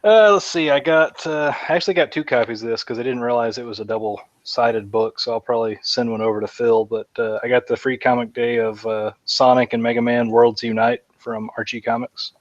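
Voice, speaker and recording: Speaking briskly with a steady, mid-range tone and hardly any pauses, a male podcast co-host chats casually, full of fan enthusiasm and filler words. The recording is dry and muffled.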